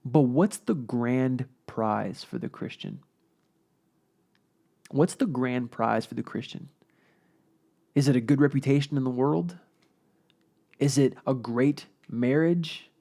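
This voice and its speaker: A man's voice: medium pitch, vocal fry, dark tone. A man, a youth pastor, giving a casual and playful video sermon to his group, asking them questions as he goes. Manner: conversational, playful, asks the audience questions.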